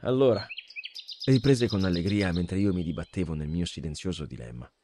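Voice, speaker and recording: A man narrating a fantasy novel as an audiobook, reading in an expressive, dramatic way. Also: low-pitched, a little fast, background noise. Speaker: audiobook reader.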